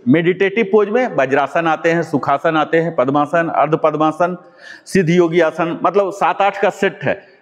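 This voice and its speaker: A man's voice: on the high side, moderate pace. A man leading a live yoga class, explaining each step patiently and repeating key words. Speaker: yoga instructor. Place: yoga class with students present. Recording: long echoing room reverb.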